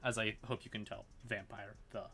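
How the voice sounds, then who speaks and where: Delivering things flatly at a moderate pace, a livestream host with a fairly low, creaky voice rambles through casual, folksy explanations. He uses y'all and howdy, mutters asides to himself, and there's quiet music plus slight background noise.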